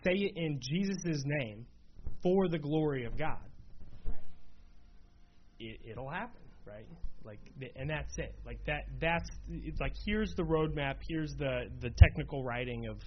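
This Bible study leader speaks in a fairly high, expressive voice at a slightly slow pace, teaching a small group in a relaxed way. His style is chatty, packed with fillers and repeated "right?" check-ins with the listeners. Faint noise sits under a dull, lo-fi room recording.

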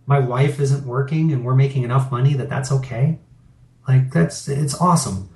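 In a casual interview, a middle-aged man who owns a business reflects candidly, wandering along with filler words. He speaks at a normal speed, with a medium-pitched, slightly mellow voice. A roomy echo surrounds him.

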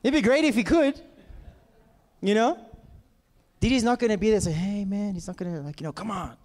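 Animated South African male preacher in a hall. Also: high-pitched, fairly quick. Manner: rhetorical questions and call-outs to listeners; acts out imagined dialogue. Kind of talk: animated conversational sermon. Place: large echoing room with live listeners. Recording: reverberant hall sound.

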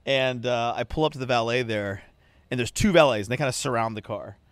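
A man chatting casually as a podcast co-host, an animated storyteller who laughs often and swears freely. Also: mid-range voice, fairly quick, no echo. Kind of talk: casual chat.

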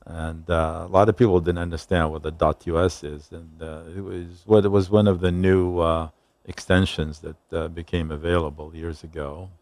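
A man's voice: deep voice, fairly even intonation, a little mellow, no echo. An older man from Palestine, a museum founder, speaking in a radio interview with frequent hesitant fillers. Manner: halting, many "uh" fillers.

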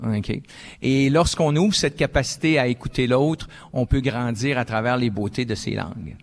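Older Québécois man, halting panel answer. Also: mid-range voice. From Quebec. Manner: hesitant, many fillers and "ok"s. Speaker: panelist, former school principal.

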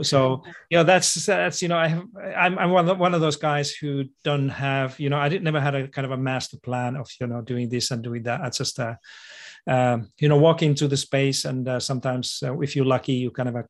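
A man from Finland speaks English with a Finnish accent as a podcast guest. His voice is mid-pitched, and his delivery is modest and thoughtful. He hesitates often and fills his pauses as he searches for words. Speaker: guest, education expert. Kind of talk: podcast interview.

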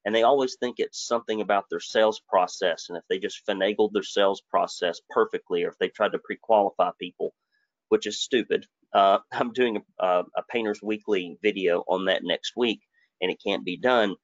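A man's voice: lowish voice, fairly quick, no echo. A man, giving a live webinar presentation in a folksy, joking, conversational way. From Alabama, US. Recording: dry, dull lo-fi webinar audio.

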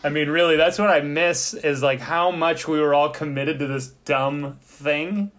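A man's voice: on the high side, fairly even intonation, unhurried, fairly bright tone. A man in casual chat who rambles and swears freely while recalling a show.

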